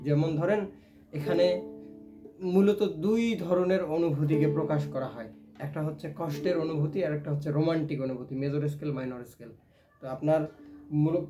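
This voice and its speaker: A man's voice: a little high, warm tone. A man teaching a casual ukulele lesson, explaining step by step and often checking in with "right?". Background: ukulele playing.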